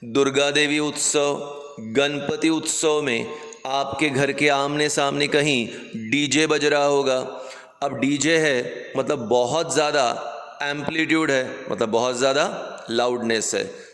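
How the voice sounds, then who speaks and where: A man teaching a classroom science lesson, reading out definitions at a very slow, dictating pace, then raising and lowering his loudness to show what he means. His voice sits a little high. The recording rings with long reverb from an echoey room. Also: steady tone, faint music behind.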